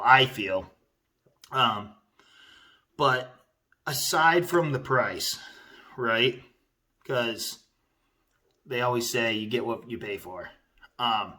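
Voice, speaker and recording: A man's voice: mid-range voice, sharp tone. A man giving a casual product review in a rambling, conversational, informal way.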